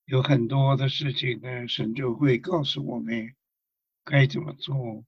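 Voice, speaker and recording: A man calmly leading a prayer meeting, with many fillers. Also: mid-range voice, breathy edge, no echo, lo-fi sound. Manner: calm, unhurried, with fillers. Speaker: meeting leader.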